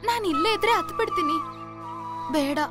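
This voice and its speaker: A woman's voice: very high-pitched, lively intonation, normal speed, loud music behind the voice. An actress playing an anxious, pleading young woman in love, in a film. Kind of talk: film acting.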